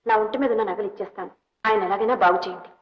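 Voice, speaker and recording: An actress playing a kind, compassionate young woman who speaks in a gentle, soft, pleading way in an old film scene. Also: medium pitch, very fast, faint music behind, lightly acted. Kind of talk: 1950s Telugu film acting. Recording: dull old film soundtrack.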